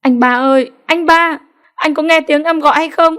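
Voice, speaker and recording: A woman's voice: sits high, fairly even intonation, drawn-out words, mellow, pitched above the performer's own voice. A woman voicing a grief-stricken young pregnant wife who cries out and pleads through tears in an audiobook story. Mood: anguished crying.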